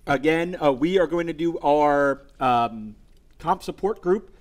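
A man's voice: fairly high pitch, a little slow. A man, a chef leading a cooking demonstration with upbeat, enthusiastic chatter to his viewers. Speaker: chef cooking on a live show. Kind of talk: live cooking demo chat.

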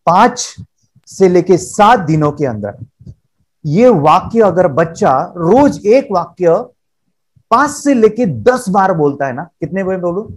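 Energetic male trainer, fairly high voice, drives each point home by repeating it. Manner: emphatic, repeats phrases and affirmations, pleads with listeners. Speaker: motivational trainer. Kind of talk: energetic workshop lecture. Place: seminar room with a seated audience.

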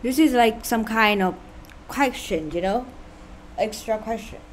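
A gaming channel host, a woman with a Vietnamese accent who speaks English as a second language, casually comments on her gameplay in a fairly high voice. She is halting and unhurried, sighing and tossing out sarcastic asides, over a little hiss or hum.

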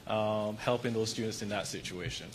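A man, a university official moderating a press conference and answering in a measured way. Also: lowish voice, a little hiss or hum.

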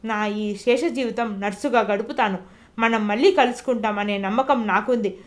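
In an audio novel, a grown woman bids farewell in a letter, earnest and sorrowful yet firm, as a woman narrator voices her. Her voice sits fairly high. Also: moderate pace, lightly acted. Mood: solemn farewell. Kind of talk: audiobook character reading.

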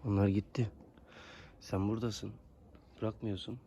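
Man, lowish voice, coaxing his geese, outdoor vlog, faint background noise. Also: flat delivery, unhurried, warm tone. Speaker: goose keeper filming his geese. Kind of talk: casual vlog talk to animals.

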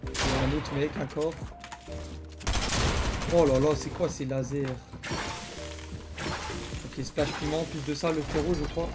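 A young man commenting his own gameplay, excitable and slangy, taunting the players he fights. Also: a little high, unhurried, pauses often. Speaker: gaming YouTuber. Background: game music and gunfire.

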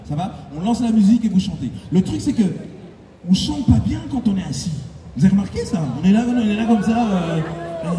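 A high-pitched singer hosts a concert, bantering playfully with a convention crowd on a large indoor stage, teasing, laughing frequently and urging them on. His handheld mic runs through the hall PA, filmed from the audience so it sounds distant and echoey, with a loud, cheering crowd.

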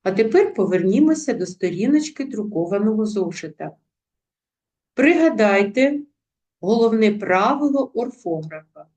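A woman teacher giving a recorded lesson, speaking deliberately and spelling out word sounds one by one. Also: medium pitch, lively intonation, dark tone. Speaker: primary school teacher.

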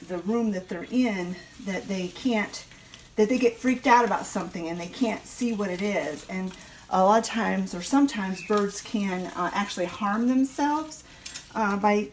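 The audio is poor with slight background noise, but the medium-pitched voice of a middle-aged home vlogger comes through. Holding a phone camera, she tidies the indoor rooms of her country home, with plants and a kitchen, chatting casually, explaining as she goes, and often restarting her sentences.

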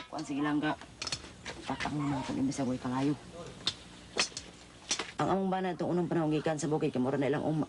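A woman from the Philippines, a co-op member, talking at length in a documentary interview, rambling and halting, with many fillers. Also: low-pitched, background noise.

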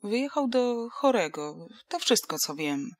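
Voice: mid-range voice, sing-song, unhurried, no echo, clean studio sound, voice pushed up. A woman voicing a cold, haughty middle-aged wife of a doctor. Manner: cold, indignant.

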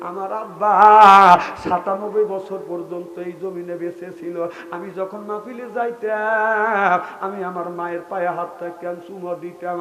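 High, bright-voiced sermon preacher man. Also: fairly even intonation, moderate pace. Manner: chanting, surging to shouts, tearful storyteller. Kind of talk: Islamic waz sermon storytelling. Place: open-air religious gathering. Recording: echoey PA sound with faint music.

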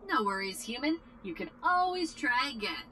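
Give me a chirpy cheerful robot guide, high and bouncy. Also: female voice, big pitch swings, moderate pace, over a noisy crowd. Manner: bubbly surfer-style enthusiasm. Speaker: game robot host character.

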